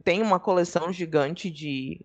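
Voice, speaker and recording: A woman's voice: lowish voice, normal speed, a little mellow, dull audio. A woman, chatting casually and jokingly as a podcast guest, swearing freely. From Salvador, Brazil. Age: 30s.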